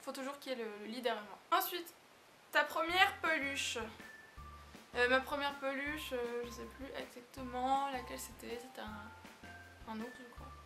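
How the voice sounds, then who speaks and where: A woman's voice: high voice, moderate pace, faint music behind. A young woman chatting casually in a vlog, answering quirky questions with lots of fillers and easy laughter. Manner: chatty, relaxed, laughs often, many fillers. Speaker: beauty vlogger.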